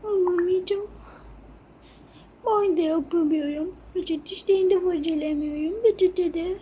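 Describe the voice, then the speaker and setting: A woman narrating a game role-play in soft, half-whispered asides. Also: extremely high pitch, moderate pace, highs cut off, a little hiss or hum.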